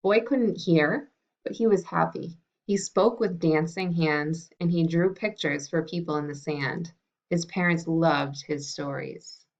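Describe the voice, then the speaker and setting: A woman teacher talking to fifth graders and reading a picture book aloud in a friendly, unhurried way. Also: sits low. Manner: friendly and unhurried, with some fillers. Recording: dull lo-fi recording.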